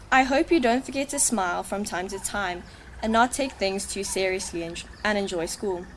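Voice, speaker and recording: A woman's voice: mid-range voice, poor audio. An earnest young woman in her late teens speaks encouragingly to her fellow students in a short farewell speech, with a mid-range voice. Faint background noise. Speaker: graduating student giving a speech.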